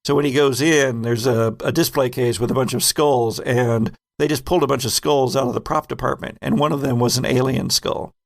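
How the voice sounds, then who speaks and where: Speaking a little fast and with few pauses, a man with a gravelly mid-range voice and a steady tone hosts a podcast. As host and game master, he chats casually in retrospect and explains things in a rambling, digressive manner. The recording is dry.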